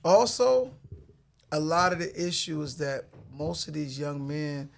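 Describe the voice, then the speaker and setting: A male podcast host with a slightly high voice and a strong gravelly fry. He talks casually and haltingly, repeating words as he builds his questions. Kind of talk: interview questions, casual talk.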